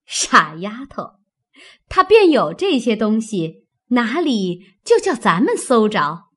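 A woman voicing a shrewd, sharp-tongued noble mistress in an audiobook of a classic novel, with an arch, needling manner. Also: a little high, sing-song, slow pace, husky, full character voice.

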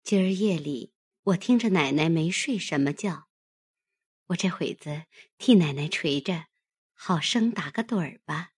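A woman voicing a loyal young maidservant who speaks softly and soothingly in an audiobook. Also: lowish voice, lively intonation, breathy edge, dry recording, clean studio sound. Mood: coaxing. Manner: soft, soothing, quick. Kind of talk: audiobook character reading.

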